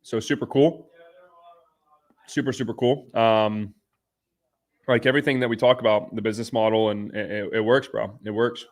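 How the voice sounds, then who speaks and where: A man's voice: fairly low pitch, steady tone, normal speed, long pauses. A man hosting a live stream, chatting off the cuff in a blunt, informal way with slangy asides. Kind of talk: casual unscripted live stream chat.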